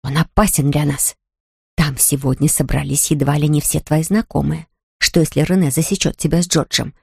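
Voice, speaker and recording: Low clipped voice, brisk sharp-tongued cousin played by a woman reader, dry close audiobook. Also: steady tone, vocal fry, slightly rough, no echo, heavily acted. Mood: curt. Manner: low curt hurried talk.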